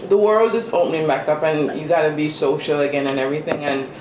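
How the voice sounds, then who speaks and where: Talking fast in a steady mid-range voice, a vlogger eats on camera and chats casually, though the recording is muffled. Chewing and mm-hmm sounds accompany the self-deprecating banter, and the space is roomy with faint ambient noise.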